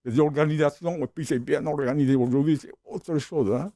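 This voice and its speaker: A man's voice: on the high side, brisk, warm tone, dry recording. An older man from the Austral Islands, a guest in a TV studio, telling stories and repeating words as he searches for them. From Austral Islands, French Polynesia. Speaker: founder of the crafts service, guest. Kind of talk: reminiscing studio talk.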